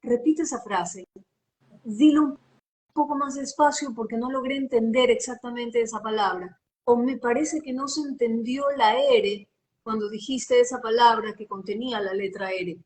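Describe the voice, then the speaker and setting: A woman's fairly high, slightly mellow voice comes through a rough recording at normal speed. She works in voice-over and gives advice on a live video call, teaching emphatically, repeating phrases, with a slight sing-song lilt.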